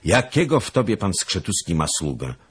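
A man voicing an older, excitable nobleman who exclaims in a raised, loud voice. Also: deep voice, normal speed, husky, pitched above the performer's own voice, heavily acted. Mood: exclaiming.

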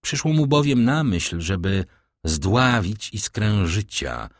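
A man narrating a classic novel as an audiobook, in a measured, dramatic reading. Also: fairly low pitch, big pitch swings, no echo, clean studio sound.

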